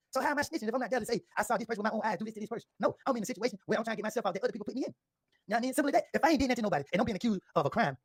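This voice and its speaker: A man in an interview, telling his story in a defensive, insistent way with a husky voice. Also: high-pitched, dry recording, clean studio sound.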